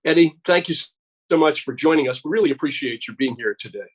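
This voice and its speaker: A man hosting an interview, asking measured, polite questions with a few fillers. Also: on the high side. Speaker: interviewer and host. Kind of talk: conversational interview.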